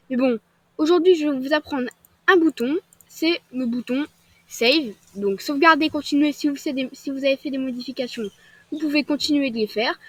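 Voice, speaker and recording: A woman's voice: high voice, no room sound, rough recording. A woman giving a casual, rambling game tutorial, full of "donc voilà" and "hop" as she clicks through menus. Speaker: video game tutorial creator.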